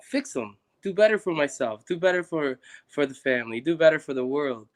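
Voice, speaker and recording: A man's voice: on the high side, expressive, a little fast. A young man from Guatemala talking earnestly and reflectively as a guest, with many restarts. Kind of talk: casual conversation on a live stream.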